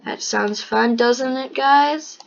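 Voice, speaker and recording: Brief: woman gameplay narrator, somewhat high voice, dry mock-serious delivery, dull lo-fi mic. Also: slow pace, vocal fry. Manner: mock-formal, wry, slips into put-on accents. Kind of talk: gameplay commentary. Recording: dull lo-fi microphone.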